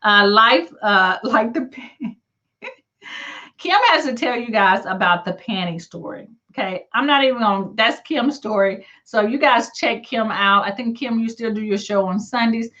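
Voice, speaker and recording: A middle-aged Southern woman from the United States, speaking with a country accent, keeps a casual, encouraging chat going on her livestream while reading live comments, full of folksy, colloquial turns. Her slightly high voice is pushed and bright at a moderate pace, and the stream's audio is dull and lo-fi.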